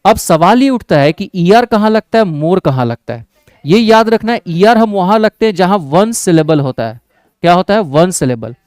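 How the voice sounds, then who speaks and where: A man teaching an exam-prep English grammar lesson with an Indian accent, often checking in with his class and reading English sentences out slowly. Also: high-pitched, lively intonation, a little mellow, smooth, no room sound. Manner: checks in with the class, calls students "babu" and "bhai".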